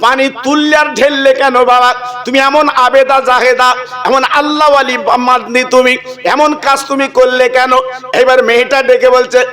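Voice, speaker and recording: High, bright-voiced male preacher. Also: level tone, normal speed. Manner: storytelling with acted dialogue and asides. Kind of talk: sermon.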